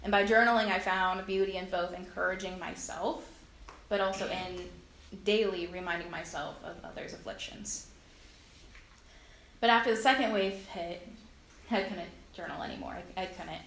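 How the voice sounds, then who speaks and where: A woman telling a heartfelt personal testimony to a congregation in an earnest storytelling way, with frequent pauses and fillers. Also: fairly low pitch, fairly even intonation, a bit bright, echoey room, slight background noise, low-quality recording. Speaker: speaker sharing a personal testimony.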